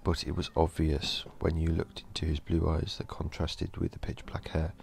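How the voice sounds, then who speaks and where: A man narrating a horror story in a slow, measured storytelling delivery. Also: rumbling low, little pitch movement, gravelly, a little mellow, slight background noise.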